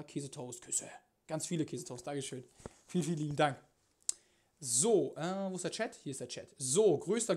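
Young man with a slangy, rough-mouthed streaming voice. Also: on the high side. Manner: slangy and crude, swears freely; excitable, jumps between mumbling and loud outbursts. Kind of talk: casual live-stream chat. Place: home kitchen.

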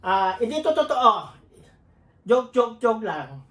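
A woman's voice: fairly high pitch, big pitch swings, slow, a bit bright. A woman preacher giving a sermon, telling a joking story to her congregation in a chatty, storytelling way. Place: church. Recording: roomy echo.

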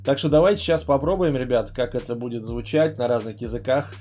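Man, casual gaming commentary, mellow, quick, informal, faint music behind. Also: medium pitch. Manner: informal, rambling. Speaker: video channel host.

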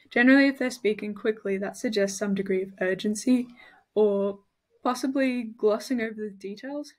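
Methodical woman tutor explaining step by step. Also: mid-range voice. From Australia. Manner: clear, methodical, demonstrates emphasis with her own voice. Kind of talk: explanatory study-tips lesson.

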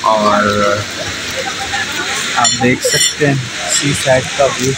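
The vlogger, a thirtysomething man, has a medium-pitched voice and a slow delivery. His casual family vlog from a restaurant and themed cafe, partly outdoors, is very noisy as he talks to viewers and coaxes a child along.

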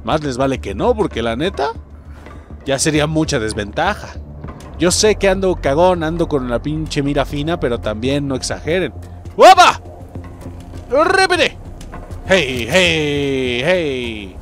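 A young man with a Mexican Spanish accent giving excitable, profanity-filled commentary while he plays a game, often breaking into sudden yelps and shouts. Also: fairly high pitch, normal speed, soft background music. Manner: excitable, swears a lot, jumps to yelps and shouts. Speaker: gaming channel host. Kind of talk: casual gameplay commentary.

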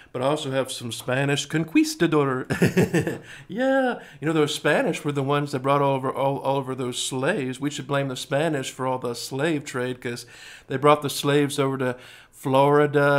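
A man in his thirties sings and plays piano on a live stream, then chats casually with viewers, rambling and laughing easily. His mid-range voice has a steady tone and moderate pace. He's indoors before a green-screen backdrop, using a studio mic with a pop filter, with piano music beneath his voice.

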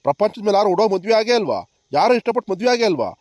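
A man voicing a kind old village grandfather in a cartoon comedy, calmly reasoning with his family and comforting his granddaughter. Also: high voice, very fast, dry recording. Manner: soothing, reasoning.

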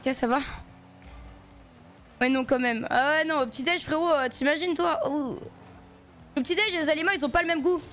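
A woman with a high-pitched, somewhat bright voice talks briskly but with long pauses, chatting in slang to her viewers while playing a game on stream. Soft background music is present.

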